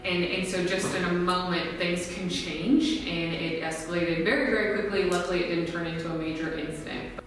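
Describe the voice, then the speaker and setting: A woman's voice: on the low side, steady tone, moderate pace, faint music behind. A woman, a veteran, telling a service anecdote in a wry storytelling manner. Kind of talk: interview anecdote. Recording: echoey hall, distant mic.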